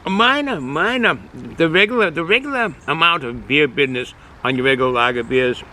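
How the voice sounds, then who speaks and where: A man from the Boston area of the United States rambles through a casual, unscripted beer review outdoors with the sun in his eyes. His voice is fairly high, expressive, and sharp in tone, and he halts often, full of fillers and restarts.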